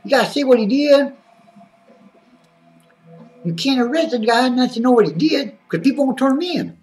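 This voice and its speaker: A man's voice: extremely high pitch, lively intonation, normal speed, darkish tone, recorded from a distance, faint music behind, pitched above the performer's own voice. A man voicing a zany, boastful male wrestling-fan character who drawls and talks about himself in the third person. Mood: brash.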